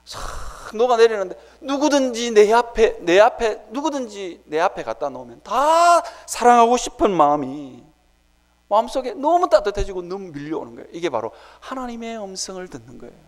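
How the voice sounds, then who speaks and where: Male preacher, sermon in a church sanctuary, high voice with a very lively pitch, animated storytelling, long church-hall reverb. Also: normal speed. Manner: animated storytelling, acting out his own prayers.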